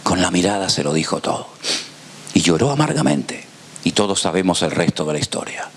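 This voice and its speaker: A man with a Spain Spanish accent preaches in a lowish voice. He tells the story animatedly and throws rhetorical questions at the congregation. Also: sing-song, a little fast, vocal fry, a little hiss or hum. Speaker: pastor. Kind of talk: sermon.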